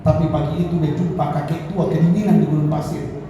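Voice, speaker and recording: A middle-aged man preaching a mosque sermon, telling stories dramatically and climbing high in emotional passages. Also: fairly even intonation, quick pace, dark tone, slight background noise. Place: large mosque hall. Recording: echoey hall, heard from far off.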